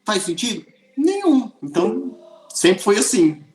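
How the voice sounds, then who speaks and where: A man's voice: high-pitched, unhurried. Chatty Brazilian man in a roomy space. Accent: Brazilian Portuguese. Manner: chatty, lively, with frequent hesitations. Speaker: interview guest. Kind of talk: casual storytelling. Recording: roomy echoey room.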